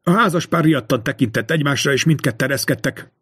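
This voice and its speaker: A man narrating a classic novel as an audiobook in a measured, expressive way. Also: mid-range voice, husky. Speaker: audiobook reader.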